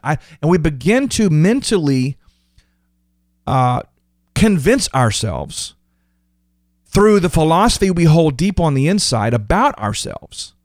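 A man's voice: on the high side, no room sound, studio quality. A man hosting a podcast, telling stories in an emphatic motivational monologue and repeating key phrases. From United States. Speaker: podcast host.

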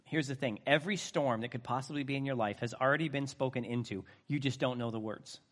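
A middle-aged man preaching a sermon, swinging between soft, earnest talk and loud bursts. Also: mid-range voice, fast. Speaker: pastor.

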